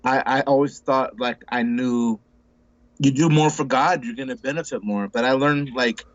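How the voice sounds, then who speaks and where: A laid-back man in his forties, guesting on an interview, chats casually in a mid-range voice at a moderate pace. The audio is dry and dull, and his speech rambles with many restarts and repeated words, along with lots of bro and dude.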